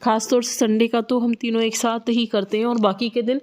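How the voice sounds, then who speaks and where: A woman's voice: on the high side, flat delivery, brisk, a little mellow. A woman vlogger chatting casually and giving diet advice, her voice changed and stuffy from a cold. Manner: chatty, advice-giving, frequent tag questions. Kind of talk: casual diet vlog chat.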